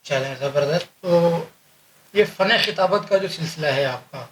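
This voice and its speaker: A man's voice: fairly high pitch, far from the mic, a little hiss or hum, rough recording. A man hosting a podcast interview, asking short questions and dropping in brief affirming interjections. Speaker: podcast host. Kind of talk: interviewing a guest.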